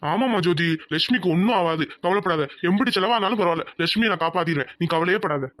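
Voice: medium pitch, expressive, quick pace, fairly bright tone, dry recording, close to an everyday voice. A performer voicing a worried, kindly village uncle who comforts his niece in a cartoon. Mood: anxious. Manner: anxious but reassuring. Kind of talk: cartoon voice acting.

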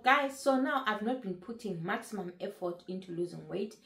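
A woman's voice: mid-range voice, lively intonation, moderate pace, vocal fry, fairly bright tone, reverberant. A woman in her late thirties talking casually to camera about her weight loss, earnest and repeating phrases for emphasis. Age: 30s. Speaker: vlogger sharing her weight-loss journey.

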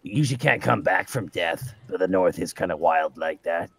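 A man's voice: low voice, moderate pace, gravelly, breathy edge. A man playing a tabletop roleplaying game in casual, chatty, sweary in-character banter.

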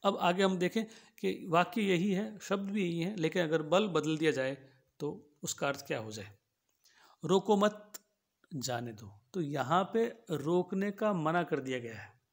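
A man with a fairly high voice lectures on logic in a measured, patient way. He circles back over each idea, rephrasing it and grounding it in plain everyday examples. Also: creaky. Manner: explains slowly, repeats and rephrases each point with simple examples. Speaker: philosophy teacher.

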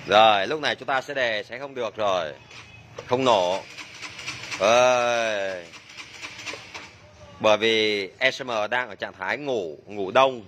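Slow, bright-voiced mechanic man. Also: lowish voice, a little hiss or hum. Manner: chatty, jokey, exclaims under his breath. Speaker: motorbike mechanic. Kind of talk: hands-on repair demonstration.

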